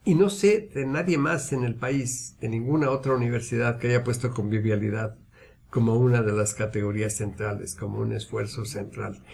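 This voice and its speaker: A man's voice: mid-range voice, fairly even intonation, normal speed, vocal fry, a little mellow, slight background noise. A man speaking as a university guest on a radio program, earnest and emphatic, building his points through repetition. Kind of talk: reflective radio interview talk.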